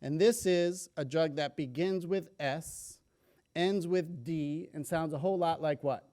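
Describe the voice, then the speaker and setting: A man giving a public talk to an audience, telling stories with jokes in an energetic way. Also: on the high side, unhurried. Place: lecture hall.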